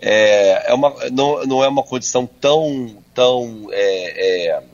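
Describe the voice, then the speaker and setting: A man answering radio interview questions as a urologist, talking over a landline phone and often stopping and restarting. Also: mid-range voice. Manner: halting, many filler sounds and restarts. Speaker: urologist guest. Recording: dull lo-fi phone line.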